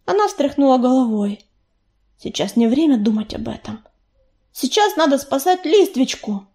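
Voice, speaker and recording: Woman, audiobook narration, high voice, very lively intonation, expressive. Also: moderate pace. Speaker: audiobook reader. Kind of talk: storybook narration.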